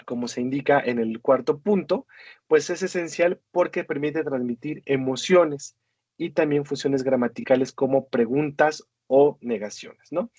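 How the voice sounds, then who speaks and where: A man's voice: medium pitch, unhurried, darkish tone, breathy edge, dry recording. A man with a Mexican Spanish accent giving a recorded university lecture, hesitant, with many fillers and tag questions.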